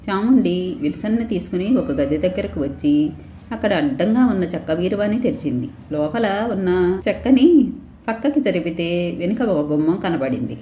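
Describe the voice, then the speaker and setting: A woman's voice: fairly low pitch, warm tone, slight background noise. Woman narrating a crime story, echoey.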